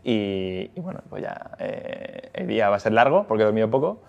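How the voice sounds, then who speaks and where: A man's voice: fairly low pitch, big pitch swings, normal speed, gravelly, muffled recording. A man talking casually about work and family, with many hesitations and restarts. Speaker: factory worker and father. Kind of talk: casual conversation.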